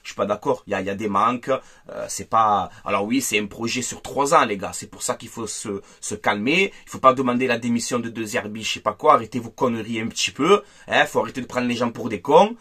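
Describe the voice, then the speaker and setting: A man hosting a casual football debrief, angry and animated, repeating himself and talking straight to his viewers. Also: mid-range voice, a little fast, hardly any pauses, slightly rough. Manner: angry, animated and repetitive, addressing viewers directly. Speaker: football fan video host.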